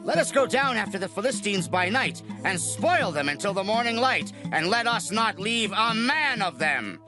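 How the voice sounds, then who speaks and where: A man's voice: high voice, very animated, normal speed, music in the background. A man playing a stern, commanding king of ancient Israel in a dramatized scripture reading, declaiming his orders. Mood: urgent, solemn.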